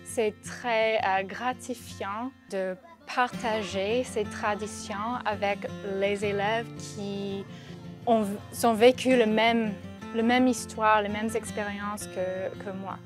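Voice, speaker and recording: A woman's voice: medium pitch, steady tone, slow. A woman giving a reflective interview as a teacher, searching a little for her words. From Louisiana, United States. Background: plucked guitar music.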